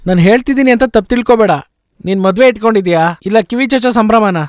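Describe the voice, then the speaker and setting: An actor playing a meddling villager who stirs up trouble with grim warnings. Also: male voice, high voice, clear, resonant tone, no room sound, studio quality, close to an everyday voice. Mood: provocative. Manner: provocative, rapid warnings. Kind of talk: Kannada film dub.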